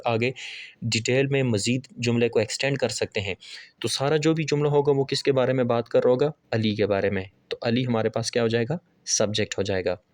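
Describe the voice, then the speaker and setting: A male English teacher with a medium-pitched voice gives a classroom-style video lesson. He quizzes his class with rhetorical questions that he answers himself, reading English definitions slowly and deliberately.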